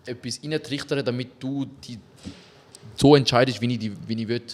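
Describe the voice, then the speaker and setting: A man's voice: medium pitch, steady tone, normal speed. A man with a Swiss German accent, co-hosting a podcast and explaining things hesitantly with many fillers. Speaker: podcast co-host. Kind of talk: casual chat.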